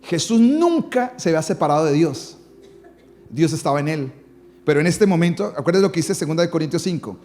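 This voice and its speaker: A man's voice: fairly high pitch, animated, a little fast, darkish tone. A man preaching a sermon as pastor, dramatic, with his voice rising and falling for emphasis.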